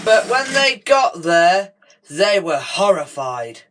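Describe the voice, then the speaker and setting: A male amateur storyteller narrating an improvised children's tale in a halting way. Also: high-pitched, big pitch swings, a bit bright, slight background noise. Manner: halting, makes it up while going.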